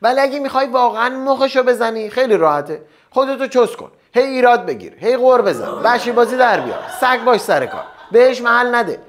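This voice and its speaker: Very high-voiced young male comedy host. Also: a bit bright. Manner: joking, teasing banter with quick asides. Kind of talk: satirical stand-up monologue.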